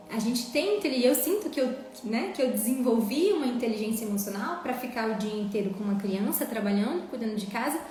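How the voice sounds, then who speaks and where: A woman teaching a live online parenting class in an earnest, emphatic way, often checking in with her listeners. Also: on the high side. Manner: earnest, emphatic, tags lines with "né?". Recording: very echoey room, faint music.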